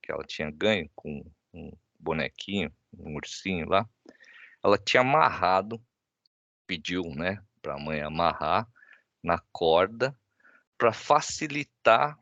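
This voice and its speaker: Gravelly man telling a lively story. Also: on the low side, no echo, highs cut off. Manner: animated anecdote, many "né?" tags, acts out his child's lines. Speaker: guest speaker. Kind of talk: casual storytelling in a talk.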